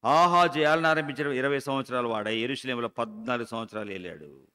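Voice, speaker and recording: A middle-aged man preaching a sermon as pastor, with sudden loud outbursts and slow, stressed repetitions. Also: medium pitch, clean tone. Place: church hall. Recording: long church hall reverb.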